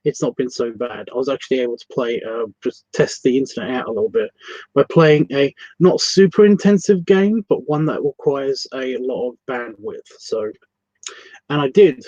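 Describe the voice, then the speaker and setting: A man's voice: mid-range voice, moderate pace, a little mellow, no room sound. A man with a Scottish accent hosting a casual livestream art tutorial from his computer, rambling, correcting himself and swearing casually. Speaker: art class host. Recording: dry, slightly muffled lo-fi sound.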